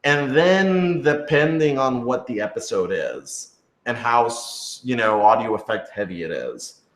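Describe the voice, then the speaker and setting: A man with a medium-pitched, expressive and fairly bright voice talks a little slowly in a casual Q&A. As writer and audio editor of an audio drama, he rambles through explanations full of fillers, and the room sound is echoey and roomy.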